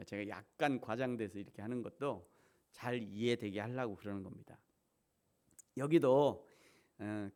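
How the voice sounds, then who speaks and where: A middle-aged man preaching a sermon as pastor, shifting between hushed asides and loud emphatic peaks, and acting out quoted voices as he tells stories. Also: medium pitch. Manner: acts out quoted voices in a playful storytelling way.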